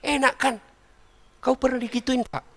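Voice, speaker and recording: A man's voice: extremely high pitch, normal speed, in a large hall, very noisy. A middle-aged man giving a humorous sermon, joking and speaking straight to the audience. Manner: lively, joking, addresses the audience directly. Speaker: preacher.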